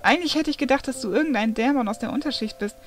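A woman reading aloud voices a secretive, condescending male angel who mocks and doubts in a raised, lively voice. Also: high-pitched, very fast, faint music behind, close to an everyday voice. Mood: mocking. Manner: mocking, incredulous.

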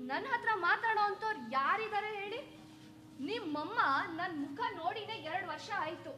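The bitter spirit of a dead young wife, acted by a woman in a stage drama, reproachful and cutting. The voice sits very high and sounds bright. The recording rings with stage echo. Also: moderate pace. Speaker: stage actor.

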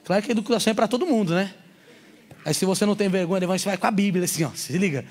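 High-voiced pastor joking through a sermon. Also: male voice, very fast. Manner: animated and joking, acts out little scenes; slangy, casual street talk. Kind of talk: sermon at a youth church service.

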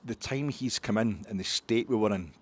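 A man's voice: lowish voice, moderate pace, slightly rough. A middle-aged Scottish man, a podcast host, giving rambling post-match football chat full of restarts and sighs. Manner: rambling, self-interrupting with many restarts and sighs.

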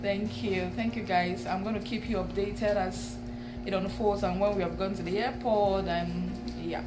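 At home, a woman in her thirties who recently became a mom chats to her vlog audience, calling them "guys" and speaking with emotion. She talks at medium pitch and moderate pace with fairly even intonation, and background noise can be heard.

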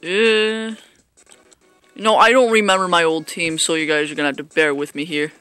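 A man talks his way through a baseball video game in loose, hesitant commentary, poking fun at his own play. His voice is bright and sharp, recorded dry and close. Faint music plays underneath. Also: a little high, flat delivery, moderate pace, clean tone, no echo. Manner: rambling, self-mocking, hesitant with fillers. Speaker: gameplay commentator. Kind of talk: casual gameplay commentary.

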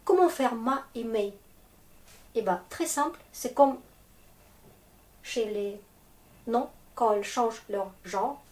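Woman, language teacher, patient step-by-step explaining, unhurried. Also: on the high side, a little mellow. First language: Russian. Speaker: Russian teacher. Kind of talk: slow, clear language lesson.

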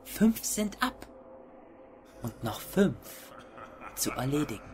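A man voicing a deranged narrator of a horror tale in a hushed, creeping delivery. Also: fairly high pitch, very animated, takes it slowly, crowd noise. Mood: dark ecstasy. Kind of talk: scripted first-person horror narration.

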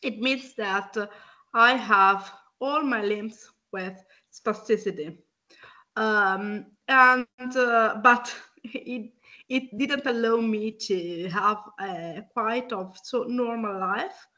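Thirties woman from Italy on a video call; very slow, earnest delivery with a bright edge. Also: medium pitch, lo-fi sound. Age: 30s. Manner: slow, earnest, laughs between phrases. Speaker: guest. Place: indoors at home by a window.

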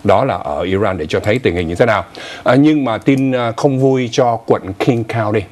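A man's voice: medium pitch, normal speed, a little mellow. A man in his sixties co-hosting a morning news show from a TV studio on a lapel mic, explaining the news in a chatty way with asides. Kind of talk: casual morning news commentary.

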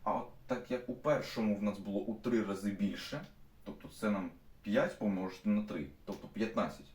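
Teacher, male, young adult, low voice. Explains problems step by step. Recorded from a distance in an echoey classroom. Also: fairly quick, a little mellow. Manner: stops often to restate steps with fillers. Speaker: math teacher. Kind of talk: explaining math problems to students. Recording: echoey room, mic at a distance.

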